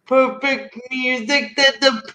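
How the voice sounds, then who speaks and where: Slow, high-voiced earnest woman. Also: fairly even intonation, pushed and bright, poor audio. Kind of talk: casual conversation.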